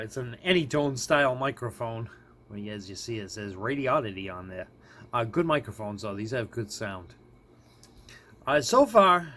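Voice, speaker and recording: The clip features a product reviewer, a man with a mid-range, fairly bright voice, giving an informal hands-on gadget demo and often chuckling as he thinks aloud. The indoor recording is clearly noisy.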